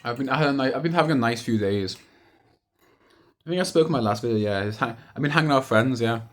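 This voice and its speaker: A man's voice: mid-range voice, quick pace. A young adult man talking casually in a rambling, hesitant monologue, repeating himself and letting thoughts trail off. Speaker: video diarist.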